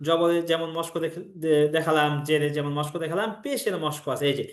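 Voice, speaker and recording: A man's voice: fairly high pitch, fairly quick. A man teaching in patient, step-by-step explanations, drilling letter sounds in a chanting rhythm. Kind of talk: instructional explanation of a reading course. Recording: echoey room sound.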